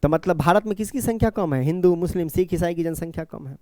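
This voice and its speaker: A man's voice: high voice, quick pace, a little mellow, no echo, studio quality. A man teaching a class. He explains each point by repeating it and answers his own questions. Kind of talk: classroom lecture.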